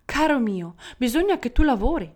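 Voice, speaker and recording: A woman's voice: high-pitched, sing-song, normal speed, darkish tone, pitched above the performer's own voice. A woman voicing a stern, knowing male genie of the deserts in a storybook reading.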